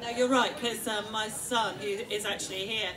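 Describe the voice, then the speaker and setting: A woman moderating a stage event before an audience, speaking haltingly with many fillers. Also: medium pitch, steady tone, recorded from a distance, a crowd in the background, rough recording. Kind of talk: moderating a public talk.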